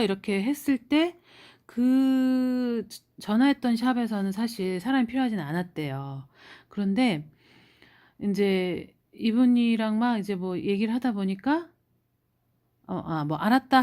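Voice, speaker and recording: A woman in her forties from South Korea speaks in a mid-pitched voice, telling her story in a relaxed, chatty way. She sounds encouraging and uses plenty of filler words as she goes. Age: 40s. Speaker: immigrant sharing a job-hunt story. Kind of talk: casual storytelling vlog.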